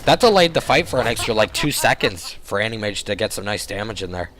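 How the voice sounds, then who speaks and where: A young man with a voice hoarse from a cold, excitedly commentating a video game and often correcting himself as he rambles. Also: on the low side, quick pace, noisy background. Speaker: game caster.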